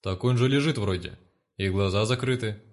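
A man voicing a deep-voiced, calm and doubtful man who speaks low and unhurried. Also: close to an everyday voice.

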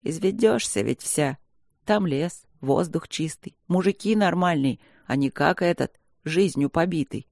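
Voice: medium pitch, unhurried, vocal fry, darkish tone, no room sound, clean studio sound. A reader voicing a blunt, worried older mother who scolds her grown daughter tenderly, in an audiobook. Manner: plain-spoken, scolding and tender.

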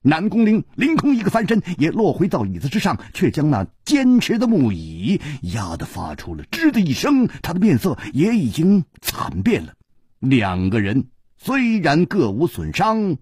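Husky, highly animated male storyteller. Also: moderate pace, no echo, clean studio sound. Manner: theatrical, with sweeping rises and falls. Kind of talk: dramatic wuxia audiobook narration.

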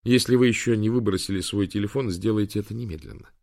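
A man voicing a calm, polite male AI assistant with a British accent, speaking precisely and unflappably. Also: on the low side, fast, gravelly. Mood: calm, instructive.

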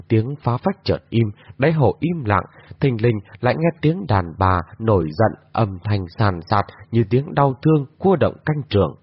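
A man narrating a martial-arts fantasy story in a dramatic, expressive reading. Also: on the low side, slightly rough, dry recording. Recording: dull lo-fi recording.

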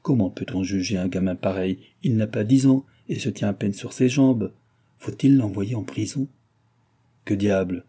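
A man playing a gruff, impatient village judge who gives brusque commands. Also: lowish voice, normal speed, warm tone.

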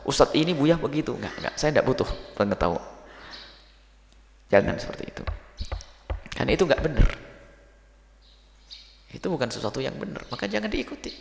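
A man, teaching a sermon lesson to his students with lively, teasing asides. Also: medium pitch, gravelly, echoey room, long reverb tail, slight background noise. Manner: lively, teasing asides, calls listeners "nak".

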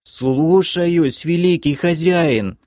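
A man voicing a pitiful, shrill male creature who wails and pleads in an audiobook. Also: drawn-out words, a little mellow, no room sound, clean studio sound. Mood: whiny. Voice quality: shrill, plaintive. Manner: wailing, pleading, self-pitying. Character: whiny pitiful fish-loving creature, male. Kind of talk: audiobook character voice.

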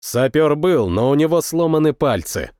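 Lively, expressive male audiobook narrator. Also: on the high side, moderate pace, clear, resonant tone, no echo, clean studio sound. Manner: expressive, dramatic reading. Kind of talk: first-person audiobook narration.

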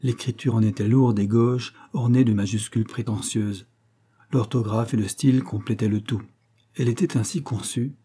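Male audiobook narrator, steady delivery, dark and husky. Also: mid-range voice, normal speed. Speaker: audiobook reader. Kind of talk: scripted narration of a novel.

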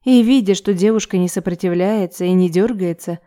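Mellow-voiced woman narrating a story. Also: medium pitch, brisk. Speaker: audiobook reader. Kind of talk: scripted narration of an erotic story.

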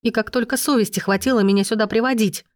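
A woman reading an audiobook, voicing an indignant, sharp-tongued young woman who hisses sarcastic retorts, in a dry, close recording. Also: mid-range voice, normal speed, dry recording, pitched above the performer's own voice, natural voice. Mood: angry. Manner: hissing, sarcastic outbursts.

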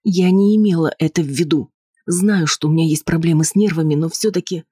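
A man's voice: fairly high pitch, a little fast, husky, no echo, clean studio sound, pitched above the performer's own voice. A man voicing an anxious, indignant wife. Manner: pleading, sharp and defensive. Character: anxious, insistent wife, adult woman.

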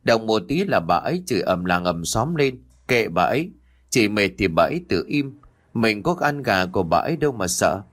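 A man voicing a calm, sensible middle-aged village wife who reasons with her husband and neighbor, over faint background music. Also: lowish voice, normal speed. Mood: soothing. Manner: soothing, reasoning tone.

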